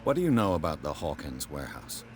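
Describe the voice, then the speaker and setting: An actor playing a composed, inquisitive private detective in a video game, with measured, formal speech. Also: male voice, very deep voice, big pitch swings, darkish tone, faint music behind.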